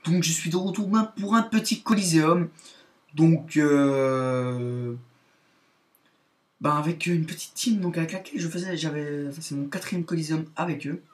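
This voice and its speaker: A man's voice: on the high side, normal speed. A man giving casual commentary on his own online game match, hesitant and padding his talk with fillers. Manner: hesitant, full of "donc" and "euh" fillers.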